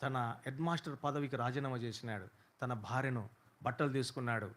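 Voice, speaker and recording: Male preacher, mid pitch, story-driven sermon rising to fervent appeals. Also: fairly even intonation, brisk. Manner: impassioned, builds to loud rhetorical questions.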